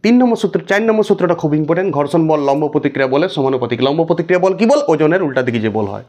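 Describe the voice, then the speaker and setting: A man's voice: fairly high pitch, expressive, rapid-fire, darkish tone. A man teaching a physics lesson, asking the class questions and answering them himself. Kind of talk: classroom lecture.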